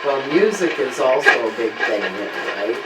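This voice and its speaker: A man's voice: medium pitch, big pitch swings, normal speed, very noisy. A man casually chatting and asking questions as a paranormal investigator during a spirit session. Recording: roomy echo under loud music and radio.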